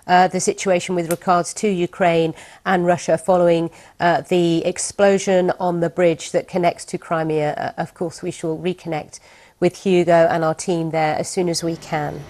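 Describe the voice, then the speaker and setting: A woman's voice: fairly low pitch, level tone, moderate pace, darkish tone. A woman presenting live broadcast news, composed while improvising with some hesitation.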